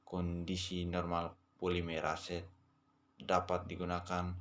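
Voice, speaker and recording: Low, flat-voiced young man presenting. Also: slow pace, slight background noise. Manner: steady reading with occasional self-corrections. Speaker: veterinary student presenter. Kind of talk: reading a class presentation.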